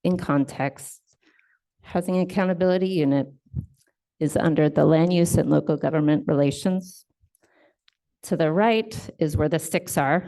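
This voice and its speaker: A woman on state housing enforcement staff, giving a conference presentation from slides and explaining in a measured way, with fillers and self-corrections. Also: low voice, vocal fry, warm tone.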